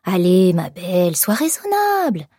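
A woman voicing a gruff, leering man in his forties with a gravelly voice, mocking and coaxing in an audiobook. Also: fairly low pitch, wildly swooping pitch, a little slow, warm tone, dry recording, clean studio sound, exaggerated voice.

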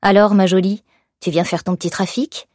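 A woman voicing a gruff, leering man in his forties with a gravelly voice, mocking and coaxing in an audiobook. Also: medium pitch, steady tone, moderate pace, darkish tone, no room sound, clean studio sound, close to an everyday voice.

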